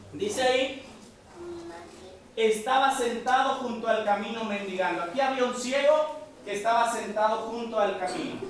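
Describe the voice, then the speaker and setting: Echoey preacher. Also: medium pitch. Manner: rhetorical questions, often addresses listeners as brothers. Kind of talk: sermon. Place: church sanctuary. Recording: echoey hall, mic from far off, faint noise.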